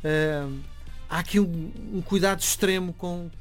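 A European Portuguese-accented radio host, high-voiced with fairly even intonation and a measured pace, interviews someone and reads the weather. He's conversational but asks probing questions, and soft music plays underneath.

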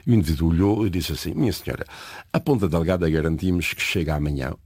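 A man's voice: low voice, quick pace, a little mellow, husky, no room sound, clean studio sound. An older man from São Miguel, an interview guest telling stories and musing, drifting off into history and geography as he talks. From Azores, São Miguel. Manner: digressive, reflective, lecturing. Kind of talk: conversational storytelling interview.

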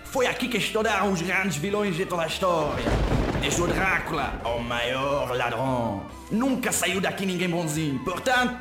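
A man's voice: a little high, lively intonation, normal speed, lightly acted. A man voicing a gleefully wicked villain-school headmaster, grand and theatrical, in a children's comedy story. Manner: grand, mock-sinister, theatrical speech-making. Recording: roomy echo, music behind.

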